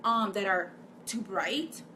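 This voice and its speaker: A woman's voice: mid-range voice, takes it slowly, pushed and bright, a little hiss or hum. A woman who gives psychic readings, speaking in an impassioned spiritual vlog monologue. She is fervent and preachy, and she repeats phrases for emphasis.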